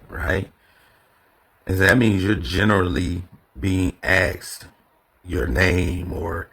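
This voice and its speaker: A man's voice: low voice, gravelly, a bit bright. A man hosting a solo podcast, talking in a loose, rambling way full of fillers and repeated words. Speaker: podcast host. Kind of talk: casual solo podcast monologue.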